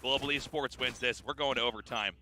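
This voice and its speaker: A man working as an esports caster, giving live match commentary in an excitable manner. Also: medium pitch, brisk, crowd noise. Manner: excitable, reacting in disbelief to plays.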